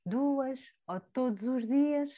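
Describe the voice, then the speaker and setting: A woman teaching Portuguese words in a relaxed French lesson, explaining patiently with many fillers and mixing in Portuguese terms. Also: high voice, slow, phone-quality sound. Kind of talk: language lesson chat.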